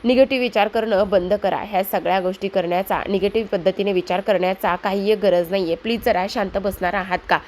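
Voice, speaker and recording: Calm, firm brother-in-law, read by a woman in her own voice. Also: medium pitch, a little fast, few pauses, natural voice. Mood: soothing.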